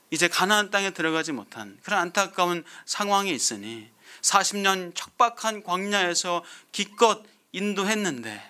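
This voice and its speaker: A pastor preaching a sermon, putting question after question to the congregation and repeating phrases for emphasis. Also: male voice, high-pitched, pushed and bright. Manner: asks the congregation many rhetorical questions.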